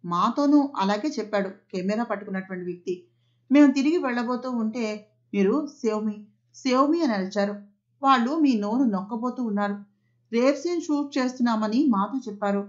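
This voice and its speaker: A woman voicing a quick-witted young man who teases and explains plainly. The audio is slightly muffled. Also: a little high, lightly acted. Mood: explaining.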